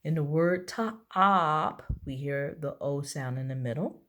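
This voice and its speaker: A woman's voice: sits low, slow, a bit bright. A woman teaching a phonics lesson to young children, patiently drawing out each letter sound. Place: at home.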